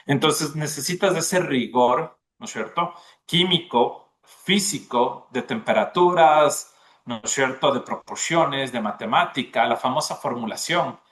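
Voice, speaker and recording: An Ecuadorian man who is dean of a gastronomy school explains things at length in a podcast interview, his mid-range voice expressive, a little slow and fairly bright. He often checks in with the listener, tagging "¿no es cierto?" onto his explanations.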